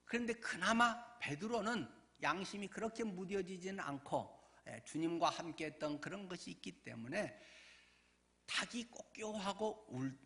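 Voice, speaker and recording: A male pastor giving a sermon, telling the story in a lively way and acting out the voices of the people in it. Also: on the high side. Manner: animated storytelling, acts out voices.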